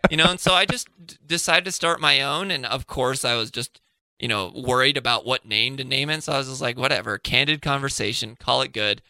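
A man's voice: medium pitch, brisk, pushed and bright, dry recording. A man chatting casually as a podcast guest, rambling and swearing, trailing off and restarting his sentences. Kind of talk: casual chat.

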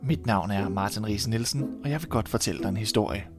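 A Danish man reading a fairy tale aloud in a calm, measured storytelling manner. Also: lowish voice, creaky, over music.

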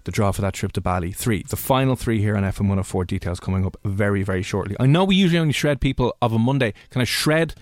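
Irish guy hosting evening radio, talks really fast, jokey n chatty, dry close studio sound. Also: lowish voice, lively intonation, no echo. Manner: jokey, colloquial. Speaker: evening radio show host. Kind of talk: chatty live radio presenting.

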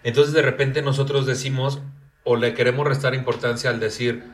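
A man's voice: mid-range voice, fairly even intonation, fairly quick. A man with a Mexican Spanish accent hosting a casual podcast, joking loosely and tripping over words while reading a text aloud. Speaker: podcast host.

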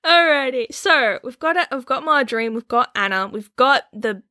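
A woman co-hosting a casual comedic chat, playful and quick to laugh. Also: high-pitched, lively intonation, sharp tone. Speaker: co-host.

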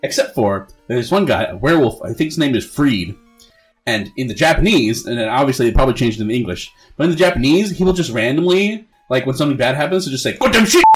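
A man hosting a podcast with animated, jokey, casual banter. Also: medium pitch, fast talker, soft background music. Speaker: podcast host.

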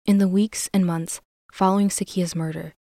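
A woman's voice: mid-range voice, steady tone, moderate pace, mellow, dry recording, studio quality. A woman hosting a true crime podcast, reading scripted narration.

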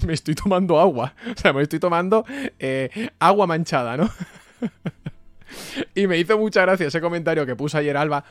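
A young man with a Spanish accent from Spain streams and reads out his live chat, joking around animatedly, laughing often and repeating exclamations. His voice is fairly high, and there's no room sound on the recording.

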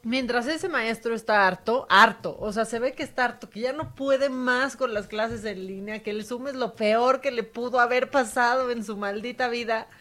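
A woman's voice: a little high, moderate pace, few pauses, sharp tone, faint music behind. A woman with a Mexican accent co-hosting a radio talk show, playful and joking, acting out quotes. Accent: Mexican Spanish. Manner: playful, jokey, acts out quotes. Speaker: radio co-host. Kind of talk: casual chat.

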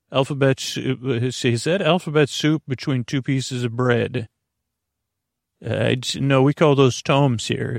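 With a gravelly voice of medium pitch, this man hosts a bedtime podcast, rambling, halting, and cutting himself off as his sentences drift and fade. The sound is clean studio audio with no room sound.

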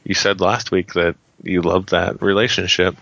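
Deep-voiced male podcast co-host, bright tone. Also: fairly even intonation, normal speed, gravelly, dry recording, dull audio. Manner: laid-back, frequent agreeing murmurs. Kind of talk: casual chat.

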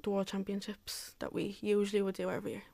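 Young girl talking cheer, flat tone, dry sound, says like every few words. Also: medium pitch, fast, creaky, no room sound. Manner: filler-heavy, says "like" constantly. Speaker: cheerleader and youth coach. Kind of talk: casual interview answers.

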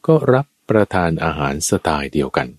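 A man preaching a Buddhist sermon as a lively story, addressing his listeners and acting out the characters. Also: a little fast, no room sound. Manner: lively storyteller, acts out quoted characters with sudden high shouts. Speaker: dharma preacher.

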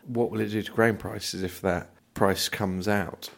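A man's voice: lowish voice, steady tone, measured pace, creaky, a bit bright. A man talking grain and fertiliser prices in a casual chat, blunt and plain-spoken. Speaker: grain trader.

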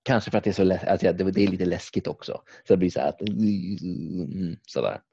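A man's voice: sits low, vocal fry, dark tone, husky, dry recording, lo-fi sound. A man chatting casually, rambling through stories with lots of fillers, restarts and swearing. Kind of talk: casual chat about video games.

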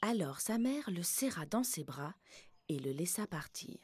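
Lively woman reading a storybook. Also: on the low side, measured pace, slightly rough, no room sound. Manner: expressive, lively. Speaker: narrator. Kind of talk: storybook narration.

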